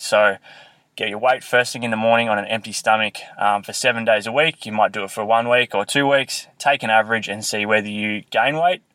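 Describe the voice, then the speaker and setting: A man hosting a fitness podcast, explaining and coaching earnestly, recorded with low audio quality on a built-in laptop microphone. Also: sharp tone, no echo. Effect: low quality audio from a built-in laptop mic. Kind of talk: solo podcast, instructional talk.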